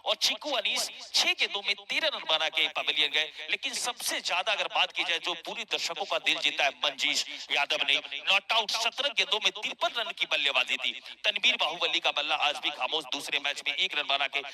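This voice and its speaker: A man giving excited live cricket commentary with drawn-out calls. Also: on the high side, poor audio.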